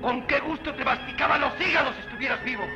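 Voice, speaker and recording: An actor playing a domineering, jealous new husband, emphatic and sarcastic in 1940s film style. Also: male voice, extremely high pitch, quick pace. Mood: exasperated. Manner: emphatic, scornful. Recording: dull 1940s film soundtrack with music.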